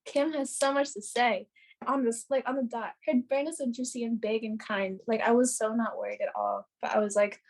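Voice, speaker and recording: High-voiced, gushing young woman. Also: brisk, gravelly. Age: young adult. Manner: excitable, gushing, peppered with "like" and swearing. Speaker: podcast guest, pageant makeup artist. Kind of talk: casual storytelling.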